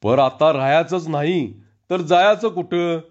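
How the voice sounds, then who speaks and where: A man voicing a cranky village contractor who scolds in rough rustic speech, on a dull lo-fi recording. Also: on the high side, measured pace, natural voice. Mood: irritable, scolding. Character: angry rustic male wrestling-bout contractor.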